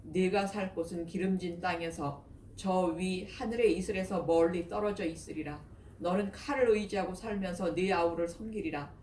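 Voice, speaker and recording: A woman voicing an old father who speaks slowly and solemnly, in a scripture reading. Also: lowish voice, darkish tone, lightly acted. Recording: echoey, distant, faint noise.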